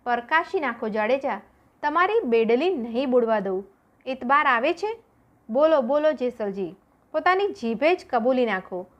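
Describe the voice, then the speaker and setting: A woman voicing a serene holy woman from a storybook, urging with gentle firmness. Her fairly high voice rises and falls in a lively way. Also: highs cut off. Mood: calm urging. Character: calm, devout holy woman, steady guide.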